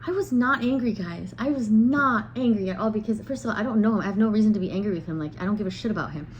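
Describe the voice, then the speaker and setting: Young woman ranting chattily to camera, kinda exasperated, middle pitched voice. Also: quick pace, highs cut off, a little hiss or hum. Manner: chatty, exasperated, lots of filler "like". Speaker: vlogger. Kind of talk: casual storytelling.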